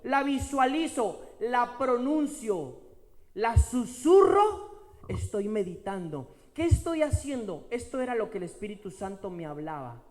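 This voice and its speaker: A man preaching a sermon at an unhurried pace, his pitch rising and falling widely. He stretches key words and repeats phrases for emphasis. His voice carries a long reverb, as if recorded in a large hall. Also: big pitch swings.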